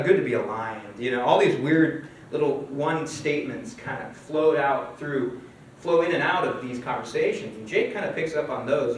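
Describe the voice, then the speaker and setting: A man pitching his own film script in a casual walkthrough, loose and rambling, with lots of fillers and asides. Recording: echoey room, mic at a distance.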